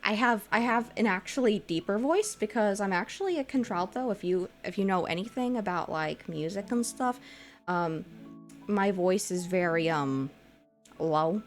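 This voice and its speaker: A woman in her twenties, expressive and speaking at normal speed, chats live with viewers as a VTuber over soft background music. Her voice is a lighter, feminine put-on above her natural low one, and she meanders with fillers and giggles.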